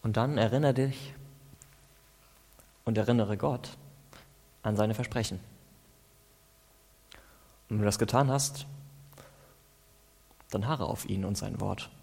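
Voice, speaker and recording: A man's voice: on the low side, slow pace, vocal fry, long pauses, a little mellow, breathy edge. A man reading psalm verses aloud as a devotional, stopping now and then to comment in a plain, conversational way. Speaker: preacher. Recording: long hall reverb.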